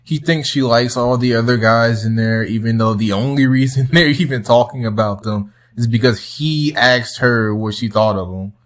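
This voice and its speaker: A man's voice: mid-range voice, moderate pace, few pauses. A young man hosting a video, talking casually through a commentary and chuckling often as he goes. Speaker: video host.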